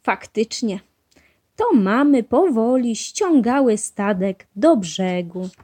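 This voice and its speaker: Slow-reading woman storyteller. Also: on the high side, animated, mellow. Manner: clear and measured. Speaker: storybook reader. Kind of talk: children's story read-aloud.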